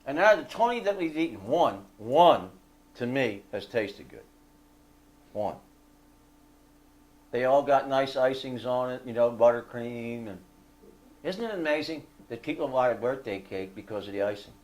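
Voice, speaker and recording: A man leading a fellowship group, telling a story in a casual, animated way and asking the listeners for agreement. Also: mid-range voice, moderate pace, long pauses.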